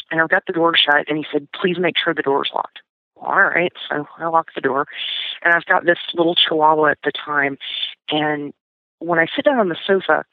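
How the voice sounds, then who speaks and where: A low-pitched woman, heard on a dry, tinny phone line, casually tells a guest's story from her own life, stumbling through many fillers and restarts.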